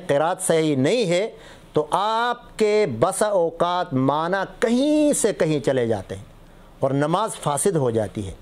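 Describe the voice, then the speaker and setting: High-voiced man teaching recitation. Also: darkish tone. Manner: explains patiently with contrasting word examples. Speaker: mufti teaching Islamic rulings. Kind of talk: religious lesson on Quran recitation.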